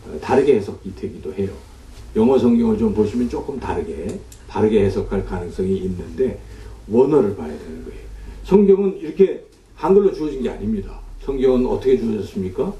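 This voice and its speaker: A male pastor delivers a sermon with a lively, rising and falling voice. His tone is dark and mellow. He sounds set back from the mic in an echoey church sanctuary. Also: fairly low pitch, a little fast, distant mic, a little hiss or hum. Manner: explains scripture with rhetorical questions to the congregation.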